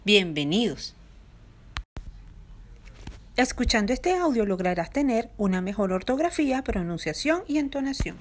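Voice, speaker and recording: A woman, a language teacher, giving a scripted podcast lesson in a clear, deliberate way, stressing each example word. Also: on the high side, very animated, noisy background.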